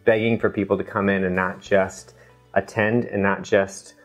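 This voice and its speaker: A man's voice: sits low, flat delivery, normal speed, dull audio, soft background music. A middle-aged man, an academic guest in a casual interview, speaking earnestly with frequent ums and restarts. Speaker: university administrator, guest.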